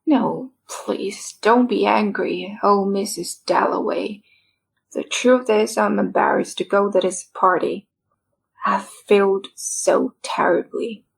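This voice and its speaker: A woman voicing a frail, dying male writer who speaks in a soft, half-whispered, weary and rambling way. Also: mid-range voice, steady tone, slow pace, gravelly, husky, heavily acted. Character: frail dying middle-aged male writer, self-deprecating.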